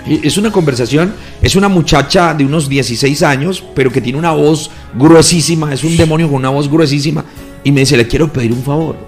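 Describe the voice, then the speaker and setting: A pastor recounts a testimony in earnest, lending feeling to each voice he quotes. His voice sits a bit high for a man. Soft music plays faintly underneath. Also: fairly quick. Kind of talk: testimony told in an interview.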